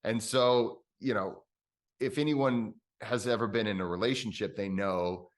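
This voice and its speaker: A man with a lowish voice explains breathing technique to another guest. He talks off the cuff, circling back and restarting phrases, then leaning hard into the words that matter. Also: a little slow. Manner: thinks aloud with restarts, animated emphasis. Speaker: breathwork coach. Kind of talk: conversational explanation.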